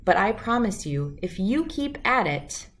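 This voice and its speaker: Reading a children's picture book aloud, a woman tells the story expressively. Her voice sits at a medium pitch and moves a little slowly.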